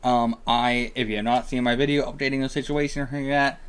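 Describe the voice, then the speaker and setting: Male vlog host, mid pitch, numb-mouthed slightly impeded speech, casual and apologetic. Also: little pitch movement, fast talker, smooth. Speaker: host of a reaction channel. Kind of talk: casual chat to viewers.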